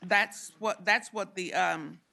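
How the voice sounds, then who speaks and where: A woman senator presenting a bill to a committee, reading its provisions in a brisk, steady way. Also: fairly low pitch, creaky. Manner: brisk, reads provisions steadily, stumbles on repeats when challenged. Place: legislative committee room.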